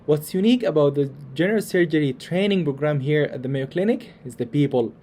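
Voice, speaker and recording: Mellow-voiced young man from Sudan. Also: on the high side, animated, fairly quick. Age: young adult. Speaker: surgical resident. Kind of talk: recorded testimonial.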